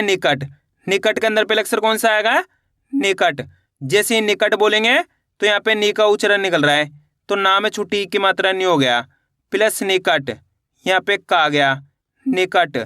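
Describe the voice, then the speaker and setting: A man's voice: sits high, sharp tone, clean tone, dry recording, clean studio sound. A man teaching beginners to read and write, sounding out words syllable by syllable and quizzing the viewer with repeated questions. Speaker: Hindi reading teacher. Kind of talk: patient spelling lesson for beginners.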